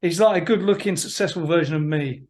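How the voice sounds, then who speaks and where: Man, middle-aged, podcast host, slightly high voice, wry relaxed chat. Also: quick pace. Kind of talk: casual podcast conversation.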